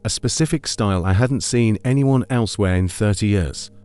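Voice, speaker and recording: A man with a low voice narrating a scripted scary story in a measured, somber way. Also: darkish tone.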